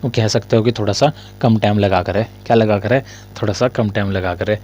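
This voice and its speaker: A man teaches a casual grammar lesson at a writing board in a somewhat low voice. He fires a short question at his students and then answers it himself, and he coughs and clears his throat between lines. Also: steady tone, fairly quick, darkish tone.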